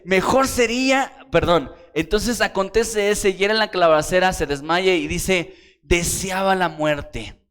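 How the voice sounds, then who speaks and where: A male pastor with a Mexican accent, preaching in a lively, joking way. His voice sits a little high, and he keeps turning to the congregation with questions and quips. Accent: Mexican Spanish. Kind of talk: sermon. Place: church.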